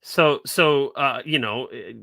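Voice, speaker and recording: A man hosting a podcast in casual chat, halting and full of ums. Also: medium pitch, creaky, bright, forceful tone. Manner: halting, filler-heavy speech. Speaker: podcast host.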